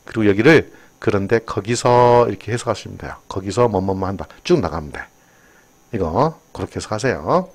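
A man's voice: on the low side, lively intonation, brisk. An older man giving a chatty exam-prep English lesson, drifting into personal asides. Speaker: English teacher.

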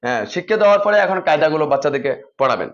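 A man's voice: on the high side, expressive, rapid-fire. A man teaching teachers how to drill children in reading, methodical and repeating set spelling patterns. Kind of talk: instructional explanation for teachers. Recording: dull lo-fi recording.

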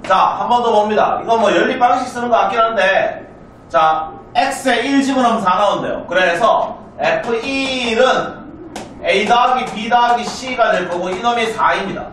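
High-pitched and a bit bright, a male math teacher from South Korea lectures with slight background noise around him. He's brisk and chatty, firing off frequent check questions to confirm students are following, recorded from far off in a spacious classroom.

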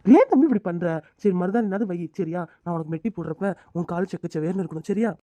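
A woman's voice: lowish voice, lively intonation, fast, mellow, no room sound, natural voice. A woman voicing a doting young husband who coaxes and teases his wife in a cartoon. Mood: coaxing. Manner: coaxing, teasing. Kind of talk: cartoon voice acting.

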